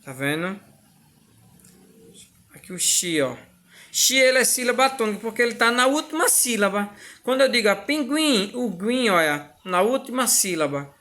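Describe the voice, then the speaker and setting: A woman's voice: medium pitch, a bit bright. Brazilian woman teacher, patient and repetitive, walks through a lesson, keeps checking in, mid-range voice. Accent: Brazilian Portuguese. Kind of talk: classroom lesson explanation.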